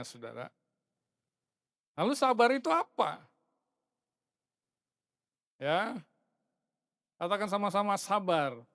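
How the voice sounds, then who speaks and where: A man's voice: high voice, a bit bright, clear, resonant tone, dry recording, clean studio sound. A middle-aged man preaching a sermon as a pastor, in a conversational, friendly way that keeps addressing the congregation directly. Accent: Indonesian. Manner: conversational preaching, addresses listeners as brothers, chuckles. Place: church sanctuary.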